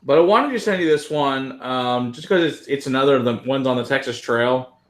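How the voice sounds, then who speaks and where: A man's voice: mid-range voice, fairly quick. A man hosting a casual livestream chat, explaining things in an easygoing way and often repeating words. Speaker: livestream host.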